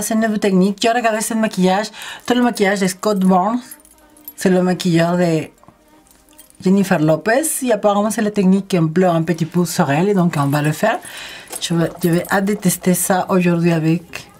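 Chatty energetic woman makeup vlogger. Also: fairly low pitch, a little fast. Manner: addresses viewers directly. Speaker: beauty vlogger. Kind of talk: casual chit-chat makeup tutorial.

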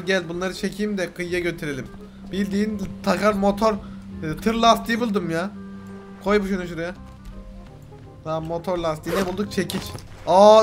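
A young man narrating his own gameplay in a high, bright, sharp voice. He talks loudly, swears a lot and bursts into shouts, with faint music playing behind him. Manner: loud, swears often, bursts into yelps and shouts. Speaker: gaming video host. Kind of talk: excitable gameplay commentary.

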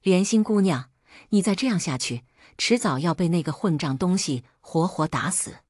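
A woman storyteller voicing a kind-hearted young male servant who speaks earnestly and urgently, with a husky, lively voice. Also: on the low side, moderate pace, no room sound, clean studio sound. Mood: urging. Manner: earnest, urging and indignant.

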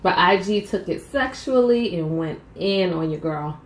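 A woman's voice: lowish voice, expressive, measured pace, echoey room. Chatty woman eating on camera. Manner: chatty, addresses viewers as y'all, eats between sentences. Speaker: mukbang vlogger. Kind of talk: casual eating vlog chat. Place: small room at home, indoors.

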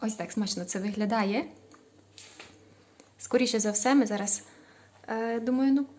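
A woman from Ukraine chatting casually in a home cooking vlog, stretching out the ends of words and pausing on filler sounds. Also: a little high, darkish tone. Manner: stretches out word endings; frequent hesitant fillers. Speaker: cooking vlogger. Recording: echoey room.

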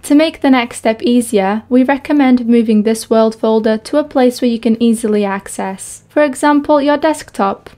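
Young woman, higher-pitched gaming host. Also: normal speed, hardly any pauses, warm tone. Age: young adult. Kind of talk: gameplay chat and tutorial narration.

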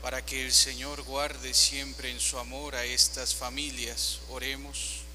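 A man reading the intercessions at a baptism liturgy, reciting each petition in an even, measured way. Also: medium pitch. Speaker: lector reading the prayers. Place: large church indoors. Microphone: far phone camera in the congregation. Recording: echoey church from afar, steady hum.

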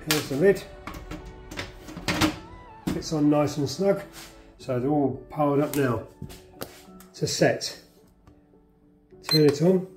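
A man with a somewhat high voice, recorded with a roomy sound, demonstrates how to dry garden herbs at home. His instructions in the indoor kitchen are plain, practical, and chatty, a casual how-to from a gardener.

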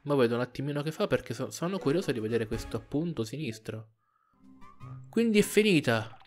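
A man's voice: medium pitch, lively intonation, brisk, faint music behind. A man hosting a let's play, commentating his gameplay and talking to himself, pleading with the game and cheering as he plays. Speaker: gaming channel host.

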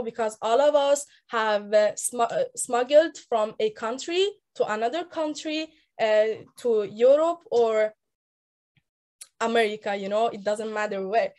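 A nineteen-year-old woman from Afghanistan, raised in Iran, speaking English with a Persian accent, telling her story on a video call in an earnest, halting way with many restarts. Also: on the high side, a little mellow. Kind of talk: personal story talk on a group call. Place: indoor room. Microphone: laptop webcam on a video call.

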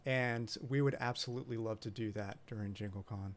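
A man on an online video-call panel, chatty and quick to laugh. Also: on the low side, fairly even intonation. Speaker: panelist and co-host.

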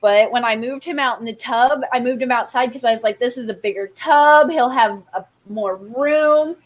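A woman's voice: fairly high pitch, normal speed. A woman guest on a fish-keeping video call, chatting casually about her fish and laughing often. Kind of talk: casual chat. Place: home room with lit aquariums. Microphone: webcam on a video call.

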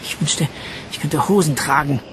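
A man voicing a sharp-tongued young woman in an audiobook, sighing and curt. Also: on the high side, animated, moderate pace, noisy background, natural voice.

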